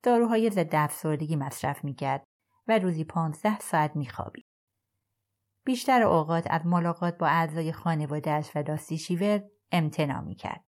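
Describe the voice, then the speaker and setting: A woman narrating a novel chapter for an audiobook podcast in a calm, even storytelling manner. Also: sits low. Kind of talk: scripted narration.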